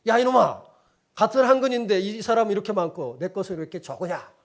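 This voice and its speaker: A rude nobleman put on by a preacher shouts at a shopkeeper. He sounds haughty and easily angered, and his pitch leaps high and loud when he scolds. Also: lively intonation, slow pace. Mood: furious. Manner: barking, scolding.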